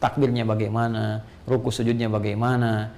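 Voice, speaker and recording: A male Islamic preacher giving a religious lecture, animated and full of rhetorical questions and joking asides. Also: mid-range voice, moderate pace, slight background noise.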